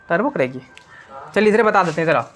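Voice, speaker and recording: A man's voice: sits high, lively intonation, quick pace, fairly bright tone. A young man teaches grammar in a classroom. He drills his students, firing questions and repeating their answers back to them.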